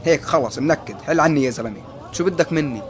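Here is a man acting as an irritable young man, who throws out short, defensive retorts. He talks at a rushing speed in a fairly high voice. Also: faint music behind, lightly acted. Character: young man, irritable and angry all the time.

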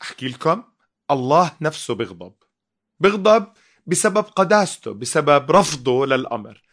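A man's voice: mid-range voice, very animated, a little fast, fairly bright tone. A man giving a teaching sermon, emphatic and full of rhetorical questions.

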